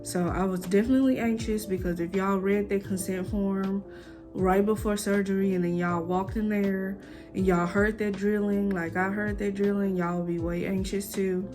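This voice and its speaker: A woman's voice: medium pitch, steady tone, normal speed, a little mellow, faint music behind. A young woman chatting informally in a casual vlog, talking straight to her viewers as the host. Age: young adult. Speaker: vlogger. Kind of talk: casual vlog chat to camera.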